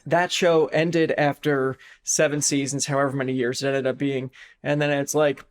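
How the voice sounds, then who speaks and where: A man co-hosting a podcast in casual chat, animated and slipping into mock voices when he quotes people. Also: mid-range voice, moderate pace. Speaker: podcast co-host.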